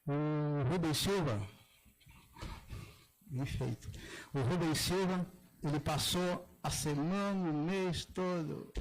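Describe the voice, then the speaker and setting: An older man from southern Brazil, a religious elder giving a halting public talk with many restarts and slowly drawn-out demonstration words. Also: on the high side, rough recording. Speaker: Afro-Brazilian religious elder speaking at a gathering. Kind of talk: public talk, explaining pronunciation.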